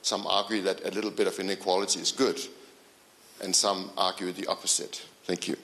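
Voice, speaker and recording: Lowish guy with a tense sharp voice asking the panel a question, stumbles a bit. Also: level tone, a little fast. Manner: hesitant, repeating words. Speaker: government official asking a question. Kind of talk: conference Q&A question.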